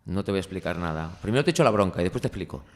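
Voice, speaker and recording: Reflective man with a lively voice. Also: racing, long reverb tail. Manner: reflective, lively pitch, shares anecdotes. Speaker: podcast host. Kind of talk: casual interview conversation.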